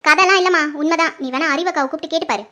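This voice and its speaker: A cheeky young daughter impatiently talks back to her mother, as a performer puts her on. Her voice is high and bright, and her delivery is blunt in this homemade family skit. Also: racing. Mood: defiant. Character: defiant young woman defending her sister. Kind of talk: home-made Tamil family skit acting.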